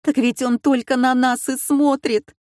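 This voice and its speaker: A woman reading a storybook, voicing a terrified young wife who cries out in shrill panic. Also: slow pace, warm tone, breathy edge, dry recording, studio quality. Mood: panicked.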